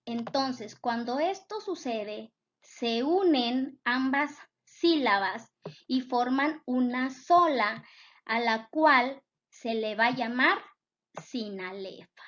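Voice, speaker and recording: A woman's voice: a little high, animated, slow pace, fairly bright tone. A woman teacher giving a patient lesson, repeating her points and checking in with her students. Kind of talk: classroom lesson explaining poetry. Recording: dull lo-fi sound.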